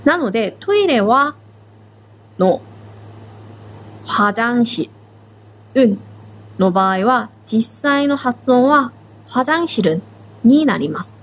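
Woman, podcast language teacher, slightly high voice, calm step-by-step explainer. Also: takes it slowly, long pauses, poor audio. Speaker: Korean language instructor. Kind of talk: slow, patient language lesson.

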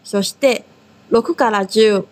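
A woman from Taiwan teaching a language lesson, modelling pronunciation slowly and carefully. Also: mid-range voice. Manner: slow, drawn-out model pronunciation.

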